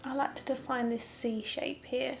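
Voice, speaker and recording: Young woman, slightly high voice, casual tutorial chat, candid and wry, faint music underneath. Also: fairly even intonation, normal speed, gravelly. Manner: chatty, candid, with sarcastic asides. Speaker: makeup tutorial host. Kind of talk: casual makeup tutorial narration.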